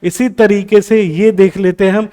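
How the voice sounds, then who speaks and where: A man's voice: high voice, fairly even intonation, normal speed, dark tone. A man teaching English exam prep in a lecture, mixing Hindi with English terms and answering his own questions. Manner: asks the class questions, then answers them himself.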